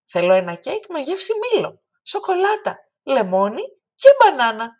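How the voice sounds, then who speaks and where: A woman's voice: very animated, husky. A woman voicing an eager, curious little girl in a storybook reading. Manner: high, bright, insistent when refusing.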